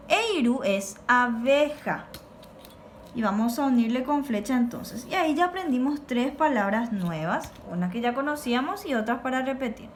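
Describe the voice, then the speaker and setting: Woman, teacher, slightly high voice, slow careful repetition, faint hiss. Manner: slow, clear, repeating words for pupils to copy. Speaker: Guaraní teacher. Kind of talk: recorded lesson for pupils.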